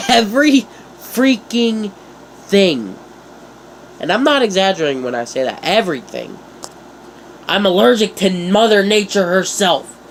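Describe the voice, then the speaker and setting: Rough audio with a bit of hiss or hum captures a young man's high-pitched, very animated voice as he vlogs with a cold-blocked nose. He takes his time, leaving long pauses while he rambles jokingly to his channel's viewers and pokes fun at himself.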